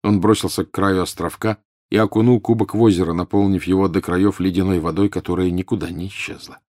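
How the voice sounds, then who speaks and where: A man reading scripted audiobook narration in a steady, measured way. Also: sits low, no echo, studio quality.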